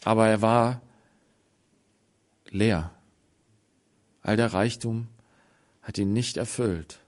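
A man preaching a sermon, telling stories dramatically with sudden swings between loud and soft and acting out the voices of the people in them. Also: lowish voice, slow pace. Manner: acts out the voices of people in the story.

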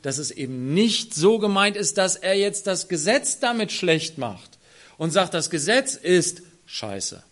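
A man preaching a sermon who speaks straight to his congregation, dropping to near-whispers and then rising to loud, emphatic phrases. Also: a little high. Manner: addresses the congregation directly.

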